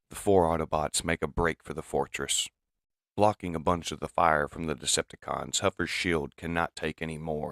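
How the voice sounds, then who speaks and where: Very deep gravelly male narrator. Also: no room sound, studio quality. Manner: steady, descriptive storytelling. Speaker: comic reader and narrator. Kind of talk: comic dub narration.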